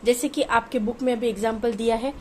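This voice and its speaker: A woman's voice: fairly high pitch, fairly even intonation, fairly quick, darkish tone, a little hiss or hum, low-quality recording. A woman teaching a math lesson in Hindi sprinkled with English terms, asking questions and answering them herself. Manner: explains step by step, asks and answers her own questions; mixes English phrases into Hindi. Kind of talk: math lesson explaining to students.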